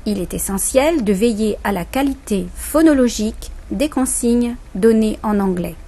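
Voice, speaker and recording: A woman narrating an instructional recording in a formal, measured way. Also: a little high, animated, warm tone, breathy edge. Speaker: narrator of teaching audio. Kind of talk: scripted narration.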